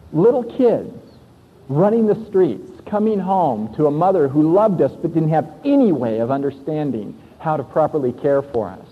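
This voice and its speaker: A slightly high, husky male preacher delivers an earnest personal testimony, pausing for emphasis. The sound is thin and tinny, with a long echo trailing off the walls of a big hall. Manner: earnest, reflective storytelling with emphatic pauses.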